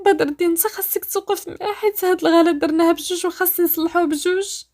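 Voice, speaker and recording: A woman's voice: very high-pitched, quick pace, voice pushed up. A woman doing a tearful, frantic young Moroccan woman. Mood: pleading. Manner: pleading and shouting through tears. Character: frightened pregnant young woman, desperate and stubborn. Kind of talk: storytelling voice-acting.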